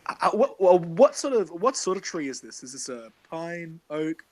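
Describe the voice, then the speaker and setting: A man's voice: fairly high pitch, sing-song, normal speed, dry recording. A man voicing his character in a tabletop role-playing game, laughing often as he plays. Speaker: player. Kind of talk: casual tabletop role-play.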